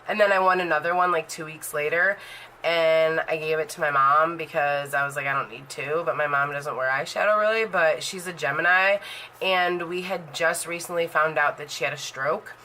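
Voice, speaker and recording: Bright-voiced chatty woman in her thirties. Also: low-pitched, steady tone, moderate pace, a little hiss or hum, rough recording. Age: 30s. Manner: rambling and chatty, heavy on fillers. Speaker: beauty vlogger. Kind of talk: casual chat showing a makeup collection.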